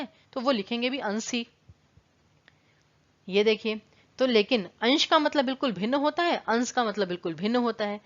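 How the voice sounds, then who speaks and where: A woman's voice: on the high side, lo-fi sound. A woman teaching an online exam-prep lesson, explaining patiently and repeating words to contrast their pronunciation. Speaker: Hindi teacher.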